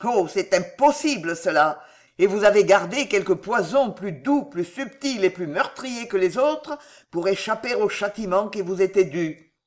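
A man's voice: high voice, unhurried, exaggerated voice. Brief: icy accusing magistrate husband, varied delivery, read by a man. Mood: contemptuous. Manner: calm, cutting, accusing. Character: cold stern magistrate husband.

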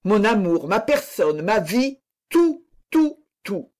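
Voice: mid-range voice, expressive, a little slow, darkish tone, natural voice. A reader voicing an impassioned noble lady who declares her love in a fervent, pleading manner.

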